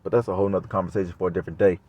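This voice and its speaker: A man with a low voice rambles to his viewers in a casual, profane monologue. The sound is dry, with no room around it. The recording is a little dull and muffled. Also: steady tone, racing, a little mellow, no room sound. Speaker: vlogger.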